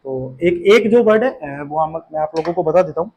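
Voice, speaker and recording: Guy with a fairly high voice and an indian english accent, explaining english words slowly, lots of "theek hai"-style check-ins. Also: lively intonation, warm tone. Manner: explains slowly with many fillers and check-in questions. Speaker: English teacher. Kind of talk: exam-prep vocabulary lesson.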